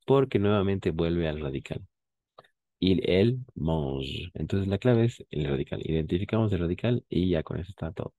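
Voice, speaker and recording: A man's voice: deep voice, lively intonation, moderate pace, dark tone, highs cut off. A man teaching a French class, patiently explaining and repeating key words and checking that students follow. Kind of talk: live language class explanation.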